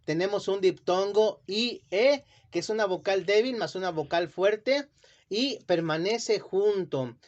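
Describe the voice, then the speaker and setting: A man teaching children a lesson, speaking slowly and carefully and stretching words out syllable by syllable. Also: high-pitched. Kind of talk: classroom lesson explanation. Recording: dull lo-fi sound.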